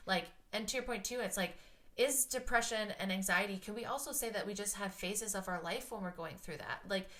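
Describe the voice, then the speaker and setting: A woman in her late thirties hosting a podcast, chatting frankly, swearing freely and thinking out loud with lots of likes. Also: medium pitch, brisk. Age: 30s. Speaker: podcast host. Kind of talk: casual chat.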